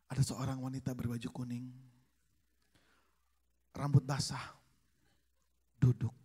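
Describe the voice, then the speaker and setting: A man's voice: a little high, a little mellow, husky. A male pastor preaching a sermon at a church service, telling family stories with jokes and acting out the dialogue. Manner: joking storyteller, acts out family dialogue.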